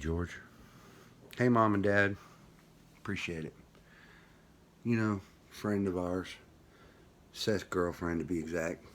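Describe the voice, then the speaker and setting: Deep-voiced, toothless older man. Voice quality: toothless, soft-edged diction. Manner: self-deprecating, folksy. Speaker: guitar vlogger. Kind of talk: casual rambling vlog chat. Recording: clear background noise, room ambience.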